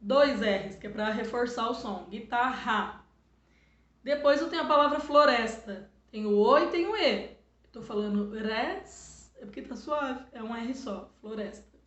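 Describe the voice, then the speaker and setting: A woman's voice: fairly high pitch, lively intonation, fairly bright tone. Patient Brazilian woman teacher, echoey room. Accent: Brazilian Portuguese. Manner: patient, explanatory, sounds words out slowly. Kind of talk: remote lesson for children. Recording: echoey room, dull lo-fi sound.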